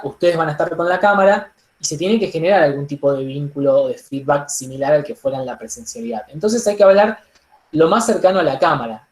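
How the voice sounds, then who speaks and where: A man with an Argentine accent teaching public speaking in an online workshop, animated, with frequent "digo" and "entonces". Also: on the high side, reverberant. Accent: Argentine Spanish. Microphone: laptop microphone on a video call.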